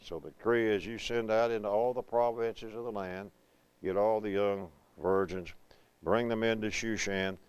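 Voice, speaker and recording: A man teaching a Bible class at a preaching school, reading scripture slowly and then explaining it conversationally, asking his students questions. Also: fairly low pitch, fairly even intonation, clean tone, poor audio. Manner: conversational, asks the class questions and answers them; reads verses slowly and deliberately.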